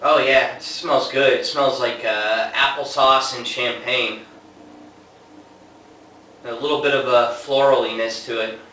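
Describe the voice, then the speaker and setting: A man casually reviewing a homebrew in a relaxed, unhurried way with plenty of fillers, recorded on a camera at a distance. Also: mid-range voice, a little hiss or hum. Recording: echoey room, mic at a distance.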